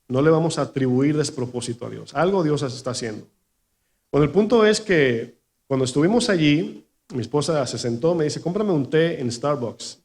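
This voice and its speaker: Man preaching a story-driven sermon. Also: a little high. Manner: animated storytelling, acts out quoted voices, asks the congregation questions. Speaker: pastor. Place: church in New York.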